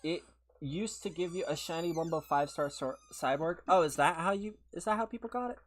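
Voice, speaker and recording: With faint music in the background, a streamer with a slightly high voice talks a little fast as he plays. He's a bit sick and sniffly, casually rambling and laughing while replying to viewers.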